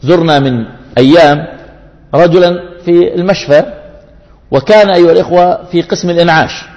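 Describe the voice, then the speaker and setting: A man delivers an earnest sermon, pressing his listeners with rhetorical questions and illustrating each point with a story. His voice sits a little high for a man, and it rings out in a long hall reverb. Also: brisk, a little mellow, lo-fi sound. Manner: earnest, addresses the congregation with rhetorical questions and anecdotes. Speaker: preacher.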